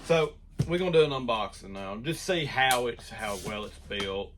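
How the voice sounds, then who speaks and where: A man's voice: medium pitch, lively intonation, moderate pace, background noise. A man hosting his woodworking channel, talking casually and rambling through an unboxing in his shop. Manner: rambling, self-deprecating, restarts often. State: out of breath.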